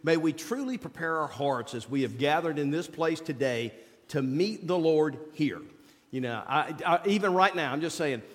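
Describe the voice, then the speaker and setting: A man leading a church service as pastor, speaking at a pulpit microphone, with halting speech full of repeats and fillers. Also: fairly high pitch. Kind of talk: welcome and opening prayer. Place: church sanctuary. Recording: long church-hall reverb.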